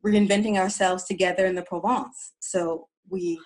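A woman's voice: lowish voice, fairly even intonation, moderate pace, a little mellow, rough recording. A woman from the East Coast, telling her story as an interview guest, reflective and often repeating words as she searches for them.

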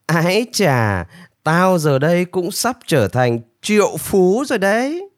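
Man doing a greedy blowhard, high and shrill, sing-song swoops, whiny, storybook voice, dry close sound. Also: big pitch swings, takes it slowly, no room sound. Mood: gleeful. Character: greedy boastful middle-aged man, whiny coward. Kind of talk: storybook character voice.

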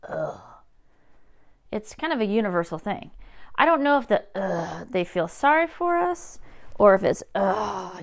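A woman's voice: mid-range voice, clean tone. Joking, profane woman podcast host. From California. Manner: profane, joking, self-interrupting asides. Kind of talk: casual podcast monologue.

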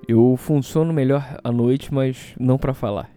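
Brazilian male host, hungover, mid-pitched and very dark-toned, hesitant rambling monologue, music behind. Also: steady tone, measured pace. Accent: Brazilian Portuguese. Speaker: solo show host.

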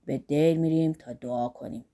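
A woman's voice: low-pitched, steady tone, mellow, voice pushed down, lightly acted. A woman voicing an earthy, boisterous older workman, blunt and philosophizing, in an audiobook. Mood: hearty.

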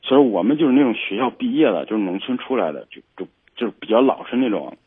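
A man calling in to an advice show, aggrieved and halting, repeating himself as he tells his side. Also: mid-range voice, sing-song, a little mellow, slightly rough, rough recording. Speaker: caller.

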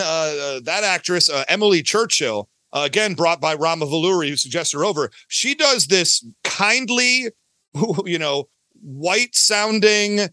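This podcast guest is a middle-aged man who makes audio dramas. His high-pitched voice sounds pushed and bright on a dry recording, and he rambles casually through the interview with emphatic, gushing enthusiasm.

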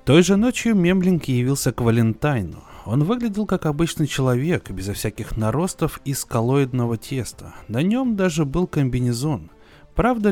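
A man reads a first-person science fiction audiobook in a measured, even voice. His pitch sits a little high for a man. Soft music plays faintly underneath. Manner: measured, even reading with slow, drawn-out pauses. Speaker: narrator.

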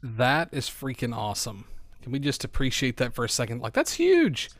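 A man's voice: mid-range voice, wildly swooping pitch, moderate pace, no room sound, clean studio sound. A man hosting a podcast interview, upbeat and enthusiastic, talking with a slight lisp from a bitten tongue. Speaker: podcast host. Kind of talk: casual interview chat.

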